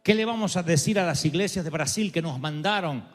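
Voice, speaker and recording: Fervent high-voiced male pastor in a big church hall, soft music underneath. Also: fairly quick. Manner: passionate storytelling, building to shouting. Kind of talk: sermon. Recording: long hall reverb, faint music.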